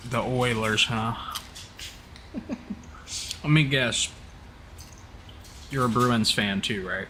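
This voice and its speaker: Over steady background noise on his game stream's voice chat, a southern US man from Oklahoma takes his time, his medium-pitched voice unhurried. He's chatting casually and teasing while streaming a flight simulator live.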